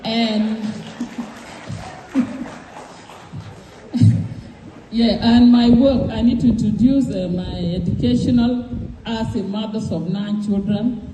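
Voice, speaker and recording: A woman from South Sudan gives a campaign speech to a community gathering. She talks slowly in a mellow voice, halting often with fillers and restarts. The sound is echoey, as though picked up in a hall. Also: on the high side, fairly even intonation, a little hiss or hum. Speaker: presidential candidate.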